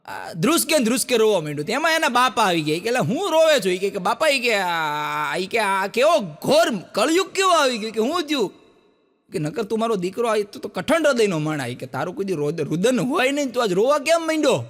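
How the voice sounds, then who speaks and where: In a big-sounding room, a man briskly tells Gujarati folk jokes on stage to a live crowd. He brings every character in his stories to life, leaping in pitch for each quoted voice, and audience laughter fills the background.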